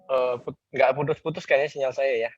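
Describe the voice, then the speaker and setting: A man's voice: mid-range voice, fairly even intonation, fairly quick, no echo, faint music behind. A man casually explaining a group ice breaker on a video call, chanting the lyrics as he demonstrates. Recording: dull lo-fi video call audio.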